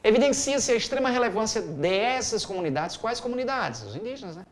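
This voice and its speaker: A man's voice: high-pitched, sing-song, a little fast. A male writing teacher, walking students through an essay in a live class with playful asides and exclamations.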